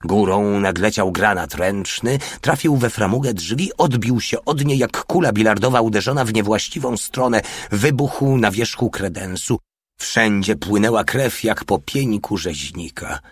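Low-voiced man narrating an audiobook. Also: a little slow, husky, dry recording, studio quality. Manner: steady dramatic reading. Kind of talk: scripted narration.

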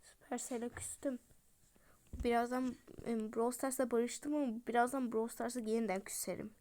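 A fairly high-pitched woman talks her viewers through a round of play in a chatty, whiny way. She grumbles and begs at the game, and every so often drops into a quick whisper. A faint hiss sits under her voice. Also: fairly even intonation, dark tone. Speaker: gaming channel host. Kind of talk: casual gameplay commentary.

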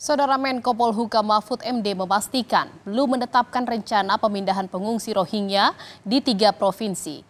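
A woman news anchor reading the news from a TV studio in a crisp, formal manner. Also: medium pitch, normal speed, slight background noise.

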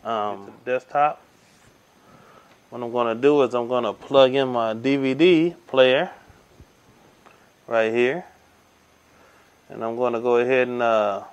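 A man's voice: medium pitch, gravelly. A man giving a casual hands-on tech demo at a table indoors, narrating each step with frequent ums and uhs. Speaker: tech reviewer. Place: indoors at a table by window blinds.

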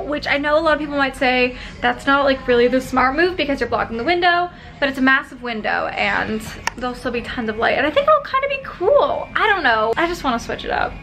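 A woman's voice: high-pitched, animated, fairly quick, a bit bright, soft background music, low-quality recording. A young woman chatting casually in a home vlog, bubbly and full of filler words. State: out of breath. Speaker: vlogger. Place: her bedroom at home.

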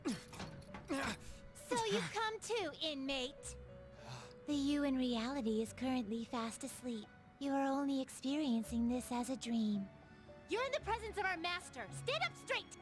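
High-pitched, bossy girl warden. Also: lively intonation, unhurried. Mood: stern, scornful. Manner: scornful, commanding, clipped. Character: bossy, haughty young girl prison warden. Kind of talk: video game voice acting. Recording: music under the voice.

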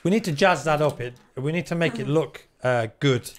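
A man chats casually through a live game stream. His voice sits a little high for a man, and his manner is talkative and teasing. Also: normal speed. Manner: chatty, teasing. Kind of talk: casual live gameplay commentary.

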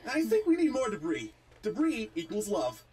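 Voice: mid-range voice, huge pitch swings, normal speed, warm tone, slight background noise. An actor playing a bubbly robot customer about to get married in a video game, heard through a robot voice effect. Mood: eager. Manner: bubbly, eager requests. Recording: game audio over music.

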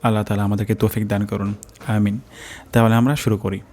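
A man teaching correct recitation of verses, repeating each word slowly and patiently for learners. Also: lowish voice, level tone, darkish tone. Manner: patient, repeats words slowly and drills pronunciation. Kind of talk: instructional lesson with chanted recitation.

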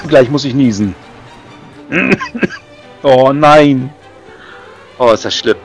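A man playing a game with a friend in casual banter, calling out directions over and over in a lively voice. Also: medium pitch, dull audio, faint music behind. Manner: lively, shouts out directions in rapid repeats. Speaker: let's play co-player.

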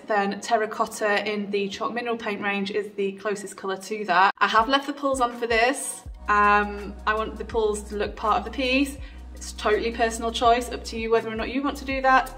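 A woman giving a casual, chatty voice-over for a painting tutorial, relaxed, with frequent ums. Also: fairly high pitch, brisk, distant mic, faint music behind.

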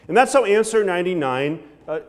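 A man's voice: high voice, fairly quick. A man in his thirties preaching an evening sermon from a church pulpit, gesturing and often asking "right?". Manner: animated preaching with frequent "right?" asides and hand gestures. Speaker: pastor.

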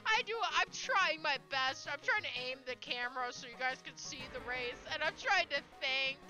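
A woman live streamer chatting excitedly at home, squealing, laughing and swearing as she thanks her viewers. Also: sits high, moderate pace, faint music behind, poor audio.

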